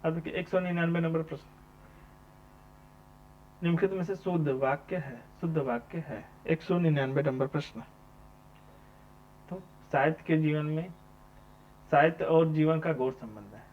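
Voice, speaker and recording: Male tutor working through a test, somewhat high voice, lo-fi recording. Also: normal speed, pauses often. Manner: repeats each question number, asks and answers himself. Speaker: teacher. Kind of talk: exam answer walkthrough. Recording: dull lo-fi sound with mains hum.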